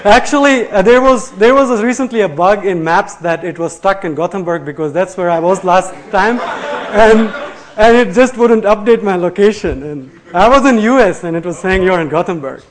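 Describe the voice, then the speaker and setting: A man's voice: high voice, animated, measured pace, crowd noise. A man presenting a live technical talk to a room. He talks loosely, with many fillers and restarts, and laughs at himself. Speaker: conference presenter. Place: lecture room before an audience.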